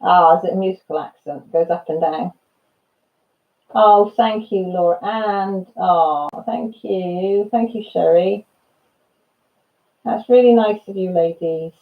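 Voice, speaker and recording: This Welsh channel host in her fifties takes things slowly in a mid-range voice, captured on narrow, tinny audio. She chats and tells stories in a casual live session, laughing along and calling viewers by name.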